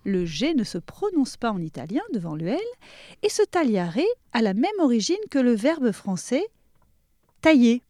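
A woman's voice: on the high side, very animated, normal speed, mellow, dry recording, studio quality. A young woman giving a comic pronunciation lesson in a playful, teasing way, often laughing. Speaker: comic language teacher.

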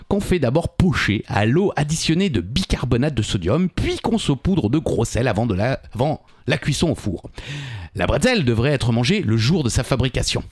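A man's voice: fairly high pitch, a little mellow, dry recording, studio quality. A man co-hosting a quiz podcast, reading trivia answers with playful asides in casual banter.

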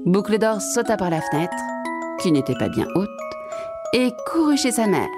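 A woman reading a fairy tale aloud to young children, expressive and playful, speaking to her listeners directly. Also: mid-range voice, moderate pace, loud music behind the voice. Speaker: storyteller. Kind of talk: bedtime story reading for children.

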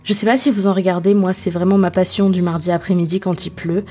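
A woman's voice: fairly low pitch, steady tone, fast talker, mellow, husky, soft background music. A woman hosting a casual solo podcast, speaking in informal, slangy language with self-deprecating asides and searching hesitations. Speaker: podcast host.

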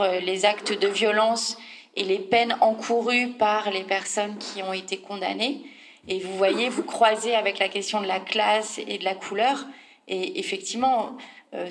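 A woman panel speaker explaining her views emphatically in an unscripted political discussion. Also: mid-range voice.

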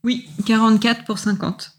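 A woman's voice: a little high, steady tone, normal speed. A woman taking part as a player in a tabletop role-playing game, speaking casually and hesitantly. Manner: hesitant, with many fillers.

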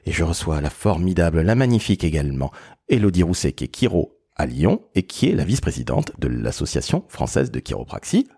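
A man's voice: very deep voice, sing-song, brisk, dark tone, breathy edge, no echo, studio quality. A man hosting a podcast, talking emphatically and introducing his guests with big words. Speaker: podcast host.

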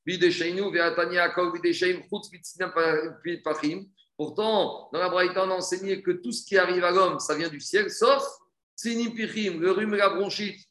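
In an echoey room, a man with a high, sharp-toned voice gives an explanatory religious text lesson. As the teacher, he reads and translates didactically, repeating phrases and answering his own questions.

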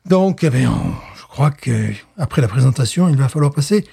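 A podcast co-host presents a beer in casual chat, speaking in a mid-range, warm voice that is creaky with a breathy edge, lively in intonation and moderate in pace. He rambles hesitantly, repeats himself, and laughs often.

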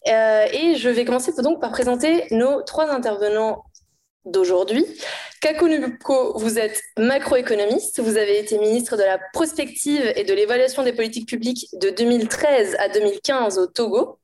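Woman, moderator, fairly high pitch, formal event introduction. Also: normal speed, darkish tone. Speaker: conference moderator.

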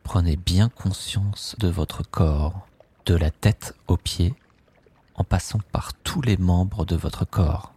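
A man leading a guided sleep meditation, speaking softly and calmly in drawn-out phrases with long pauses. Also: low-pitched, breathy edge. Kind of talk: slow guided relaxation script.

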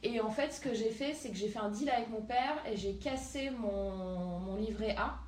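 A woman's voice: a little high, moderate pace, darkish tone. Chatty woman in her thirties, distant roomy mic. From southern France. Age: 30s. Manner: chatty, lots of hesitations and fillers. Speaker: guest, entrepreneur. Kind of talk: casual interview chat.

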